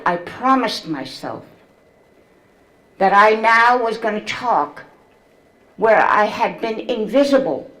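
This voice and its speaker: A woman in her seventies, a memoir author reading from her book and telling her story to an audience in a slow, measured way. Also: mid-range voice, poor audio. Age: 70s.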